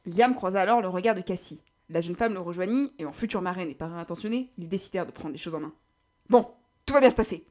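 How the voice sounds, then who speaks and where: A woman's voice: lowish voice, fast talker, few pauses, a little mellow. A woman reading a story aloud as narrator. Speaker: reader.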